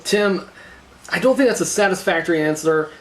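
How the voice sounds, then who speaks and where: A man's voice: sits high, animated, fairly quick, a bit bright. A man hosting a casual food challenge web show, speaking in a wordy, mock-formal way. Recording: clearly noisy background.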